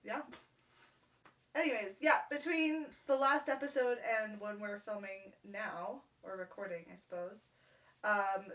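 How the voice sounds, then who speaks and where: A woman's voice: mid-range voice, fairly bright tone. A woman co-hosting a podcast in casual chat, with a wry, teasing way of talking. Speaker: podcast co-host. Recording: distant from the mic.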